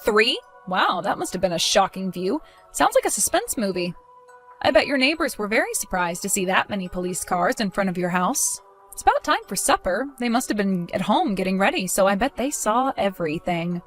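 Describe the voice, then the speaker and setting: A woman's voice: medium pitch, very animated, a little fast, a bit bright, soft background music. A woman voicing a protective young mother in a dramatized story, accusing and sarcastic.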